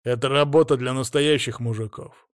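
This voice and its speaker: A man voicing a rough, hoarse hunter who mocks and threatens with a rifle in hand, in an audiobook. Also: mid-range voice, fairly even intonation, moderate pace, no room sound, clean studio sound, natural voice. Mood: mocking. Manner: scornful, threatening. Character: rough, mocking adult male demon hunter. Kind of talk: audiobook character voice.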